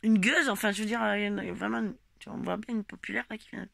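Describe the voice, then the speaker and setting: A woman telling her listeners about a protest in a loose, rambling, animated way, swearing often and speaking to them directly. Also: medium pitch, a little fast, gravelly, no room sound. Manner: animated, emphatic storytelling with frequent swearing. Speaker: gilet jaune protester recounting a march. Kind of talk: casual spoken personal account.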